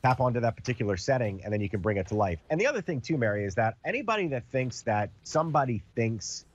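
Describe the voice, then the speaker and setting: In dull audio, a very animated man talks fast at a medium pitch while hosting a casual product demo on TV. He has a cold and sounds congested, and he explains through everyday comparisons.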